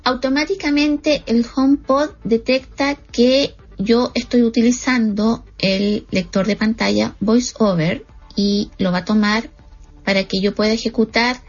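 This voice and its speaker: A woman presenting a tutorial, calmly explaining each screen gesture to her listeners step by step. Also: on the high side, unhurried. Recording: muffled lo-fi audio, faint music.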